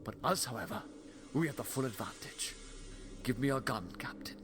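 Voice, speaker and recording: A man's voice: mid-range voice, animated, normal speed, lightly acted. A man playing a shrewd, sardonic alien time traveller in an audio drama, with a wry, verbose, theatrical delivery. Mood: cocky, defiant.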